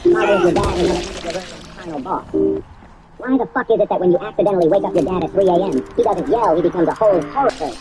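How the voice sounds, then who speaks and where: Fast-talking man telling a comic rant. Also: sits high, a loud crowd. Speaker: storyteller. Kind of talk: scripted comedic monologue. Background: music.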